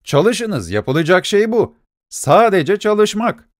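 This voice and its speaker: A man's voice: fairly high pitch, expressive, brisk, no echo, studio quality, voice pushed up, lightly acted. A man voicing an indignant male lawyer who scolds a beggar. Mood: lecturing.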